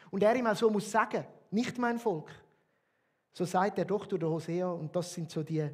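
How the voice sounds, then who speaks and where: A man's voice: high voice, darkish tone, breathy edge. A man with a Swiss German accent, a pastor giving an earnest, emphatic sermon.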